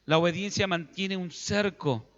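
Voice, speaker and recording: In a large hall, captured with lo-fi sound, a man with an Argentine Spanish accent preaches a sermon as pastor. His voice is high-pitched and unhurried, and he acts out biblical dialogue in colloquial, everyday voices.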